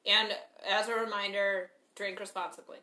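A woman's voice: mid-range voice, flat delivery, moderate pace, bright, forceful tone. A young woman co-hosting a casual chat over beers at home, telling stories in a chatty, upbeat way. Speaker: podcast co-host. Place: living room at home. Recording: echoey room.

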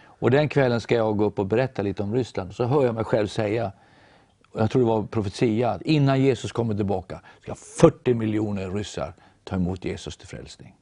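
Norwegian guy telling his faith story, low dark voice, acts out the quotes. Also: no room sound. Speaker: guest storyteller.

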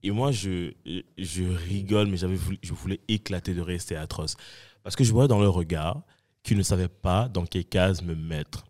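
A man's voice: sits low, normal speed, a little mellow. A young adult man, a podcast guest, telling a story in casual chat and acting out the voices of other people.

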